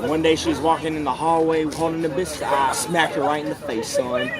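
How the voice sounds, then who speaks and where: A sketch performer improvises as a rambling, bragging grandpa inventor, repeatedly addressing people as "son" and "whippersnapper." His voice is a little high and a little fast, steady in tone and close to how he'd normally talk, with loud outdoor crowd chatter around him.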